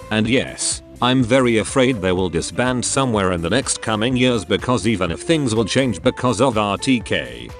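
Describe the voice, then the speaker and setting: A male text-to-speech robot voice sitting fairly low, yet its pitch swings around a lot. It reads out a channel host's blunt, opinionated commentary. Faint music plays softly behind it. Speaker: channel host.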